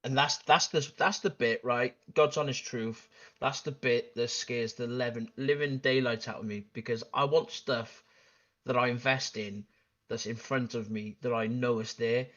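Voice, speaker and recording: A man chats as a guest on a live stream, rambling through jokes and poking fun at himself. His pitch is middling and his delivery is loose and conversational. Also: steady tone, normal speed, a bit bright, lo-fi sound. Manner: rambling, jokey, self-deprecating. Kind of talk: casual live-stream chat.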